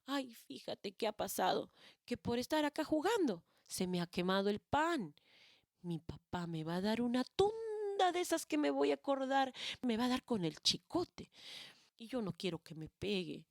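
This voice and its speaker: A woman's voice: fairly high pitch, big pitch swings, normal speed, gravelly, dry recording, clean studio sound, pitched above the performer's own voice. A Peruvian woman voicing a frightened little boy who whimpers and pleads. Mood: tearful.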